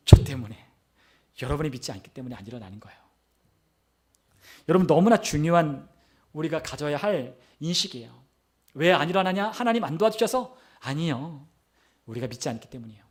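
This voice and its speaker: A male pastor delivers a Sunday sermon in a high voice. He asks the congregation questions, answers them himself and keeps the preaching animated. He breaks into short acted lines for the people in the Bible story.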